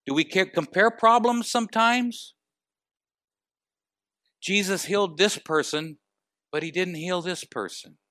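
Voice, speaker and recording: A man preaching a sermon, asking the congregation rhetorical questions and moving between quiet and emphatic delivery. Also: sits high, a little slow, long pauses, no room sound, studio quality.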